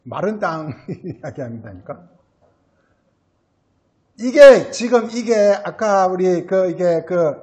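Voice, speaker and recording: A man's voice: high voice, darkish tone. A pastor preaching a Sunday sermon. He keeps asking questions and answering them himself, uses a lot of filler words, and often tacks a short tag word onto the end of a phrase.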